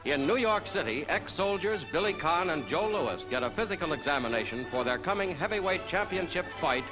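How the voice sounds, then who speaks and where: A man narrating a 1940s newsreel in a brisk announcer delivery, in the manner of old newsreel narration. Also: a little high, expressive, poor audio. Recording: old newsreel soundtrack with loud music. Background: loud music.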